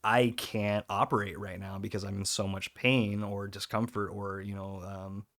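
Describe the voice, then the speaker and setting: A man's voice: fairly low pitch, little pitch movement, moderate pace, fairly bright tone, no echo, studio quality. A young man co-hosting a fitness podcast, chatting casually and joking around, now and then mimicking others in a whiny voice. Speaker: podcast co-host.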